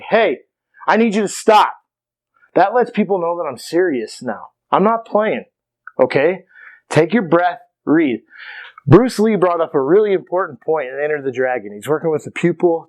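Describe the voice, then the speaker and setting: A man's voice: on the high side, a little mellow. Earnest, emphatic male martial arts instructor. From Irish. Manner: earnest, emphatic, says okay often. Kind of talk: instructional talk to camera.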